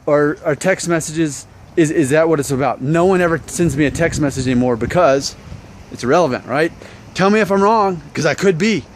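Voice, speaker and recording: A man in his thirties with a fairly high voice speaks a little fast over a faint hiss or hum. He hosts an opinion vlog, talking to viewers casually, making fun of himself and asking lots of rhetorical questions.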